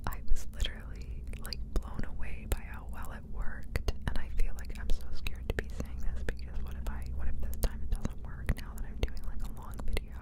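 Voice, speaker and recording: A woman's soft, unvoiced whisper moves from ear to ear on a close binaural microphone, a little fast and with few pauses. Sitting on a couch indoors, she rambles through a hesitant ASMR chat, often putting herself down.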